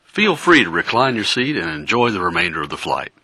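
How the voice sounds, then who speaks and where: A man putting on a polished airline captain's cockpit announcement to the passengers. The voice is bright and lively, rising and falling as it points out the sights. It sounds dry and close, with no room around it. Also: deep voice, fairly quick, husky, no echo, full character voice. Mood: polished, announcing. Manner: polished in-flight announcement delivery. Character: smooth adult male airline captain addressing passengers. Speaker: station promo announcer. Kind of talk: scripted parody promo.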